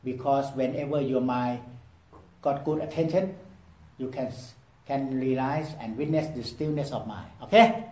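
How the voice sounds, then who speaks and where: A man leading a group meditation in broken English, often asking "okay?" and swinging between loud prompts and hushed near-whispers. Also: medium pitch, measured pace, reverberant, poor audio. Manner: non-native broken English, repeats "okay?". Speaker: meditation teacher. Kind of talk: guided meditation talk.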